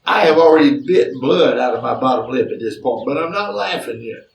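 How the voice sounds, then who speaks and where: A man's voice: medium pitch, lively intonation, fairly quick, gravelly. A man from Alabama with a Southern accent telling a folksy family story with drawling asides. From Chambers County, Alabama, US. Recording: roomy, distant from mic.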